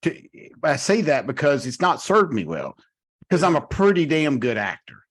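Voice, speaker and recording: A man's voice: on the high side, very animated, normal speed, breathy edge. A man hosting a podcast, talking candidly and conversationally with his guest. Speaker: podcast host.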